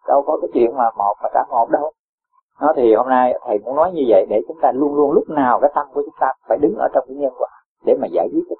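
Husky teacher, tinny lo-fi. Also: male voice, mid-range voice. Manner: gentle, chuckling, homely examples. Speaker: Buddhist teacher. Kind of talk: dharma talk answering a follower. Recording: tinny phone-like lo-fi sound.

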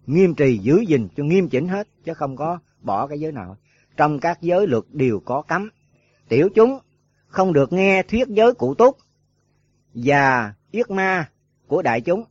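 A man's voice: fairly high pitch, sing-song, moderate pace, husky, dry recording. A man giving a rambling dharma talk to monks, full of filler words and rhetorical questions. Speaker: Buddhist monk teacher. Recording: dull lo-fi dry recording.

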